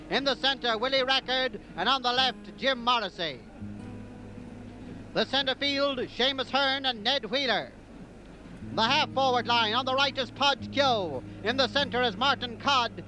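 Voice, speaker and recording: An Irish man giving live 1950s radio commentary on a hurling final, in a lively and formal announcing manner. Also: very high voice, a little hiss or hum. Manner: lively, formal, announcing team line-outs.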